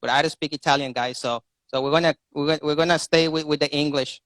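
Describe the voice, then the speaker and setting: This live video chat host, a Spanish speaker from Costa Rica, talks fast in English with a fairly high, steady and slightly bright voice. The recording is dry, and he rambles casually, often repeating words as he finds them.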